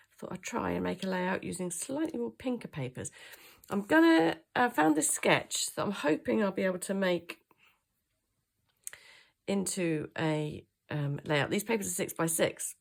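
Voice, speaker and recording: A craft channel host leads a chatty, hands-on papercraft tutorial, her fairly low, creaky voice throaty from a cold. She thinks aloud as she works, hesitating often.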